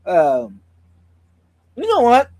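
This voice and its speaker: A man chatting casually as a live stream co-host, halting and repeating words, his speech slightly impeded by a sore on his tongue. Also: extremely high pitch, wildly swooping pitch, warm tone, dry recording.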